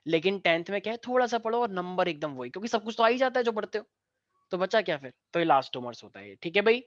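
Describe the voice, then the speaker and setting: A man's voice: high-pitched, sing-song, no room sound. Playful male physics teacher. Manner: playful, tells jokey stories and dictates notes slowly. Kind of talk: online class lecture. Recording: dry, dull lo-fi sound.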